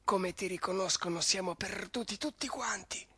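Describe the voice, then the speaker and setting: A man reading a story and voicing a scheming male rat in a breathy half-whisper. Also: sits high, moderate pace, bright, forceful tone, no room sound, voice pushed up, exaggerated voice. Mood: urgent, hushed.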